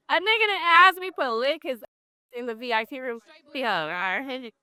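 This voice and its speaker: A woman's voice: high-pitched, unhurried, sharp tone, clean tone, dry recording. Woman, exotic dancer guest, blunt profane storytelling, casual interview, dry close sound.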